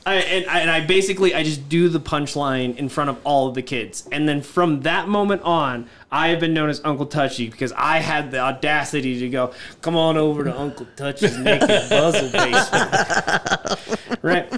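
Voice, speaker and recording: Slightly high-voiced man in his twenties. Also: normal speed, fairly bright tone. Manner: storytelling, laughs through punchlines. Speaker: podcast co-host. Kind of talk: casual banter.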